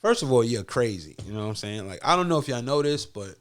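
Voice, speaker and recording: A man with a Queens, New York accent trades casual banter as a podcast co-host. His talk is full of slang, playful and boastful, in an average-pitched voice. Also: big pitch swings, quick pace.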